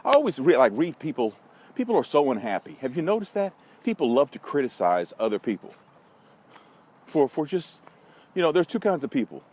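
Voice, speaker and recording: Speaking a little fast in a fairly high, slightly mellow voice with big pitch swings, an American vlogger and social media marketing consultant rambles bluntly to listeners during a park walk, adding wry, folksy asides. Vehicle sounds and city ambience come through the noisy walking recording.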